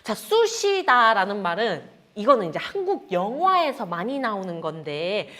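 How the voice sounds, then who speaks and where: A woman teaching a lively Korean lesson, acting out sensations with sound words and calling her students friends. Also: mid-range voice, normal speed. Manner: animated, acts out feelings with sound words and gestures; addresses students as friends, frequent "자".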